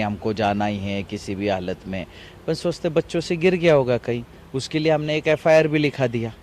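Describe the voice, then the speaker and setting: A grieving middle-aged father speaking in a halting, repetitive way during an outdoor TV interview. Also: mid-range voice, a little mellow, slight background noise. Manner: halting, grief-stricken, repetitive. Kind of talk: emotional TV interview.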